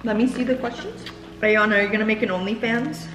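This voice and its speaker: A woman's voice: a little high, quick pace. Young woman chatting while eating, echoey room. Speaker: friend reading out questions. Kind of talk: casual chat over food. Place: indoor dining table in a large room. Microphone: camera across the table. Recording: echoey room, music behind.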